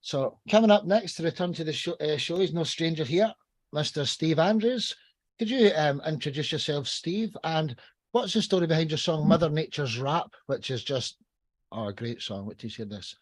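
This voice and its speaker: A man hosting a podcast, praising guests effusively and trailing off softly. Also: fairly high pitch, expressive, normal speed, dry recording. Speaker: podcast host.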